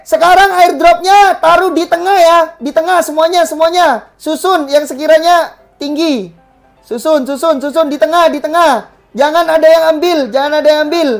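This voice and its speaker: High-voiced bossy woman gamer. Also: moderate pace, faint music behind. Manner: bossy, repetitive commands, casual swearing. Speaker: gaming channel host. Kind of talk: live game commentary giving orders to players.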